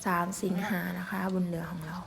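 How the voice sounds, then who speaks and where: Chatty woman with a gravelly voice. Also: on the low side, flat delivery, fast, a crowd in the background. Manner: chatty, polite, with frequent soft particles. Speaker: vlogger filming elephants. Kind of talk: casual outdoor vlog narration. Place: outdoors in forest.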